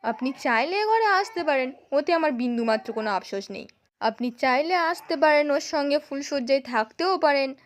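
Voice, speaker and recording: A woman's voice: high-pitched, animated, moderate pace. Woman voicing a sneering scheming husband. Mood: taunting. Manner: taunting, sneering. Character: young husband, scheming and mocking.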